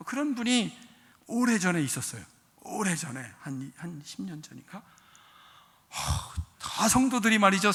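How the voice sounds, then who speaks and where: A male pastor delivering a sermon, talking conversationally to the congregation and then building to shouted exhortations. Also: extremely high pitch. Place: church sanctuary. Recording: reverberant church sanctuary.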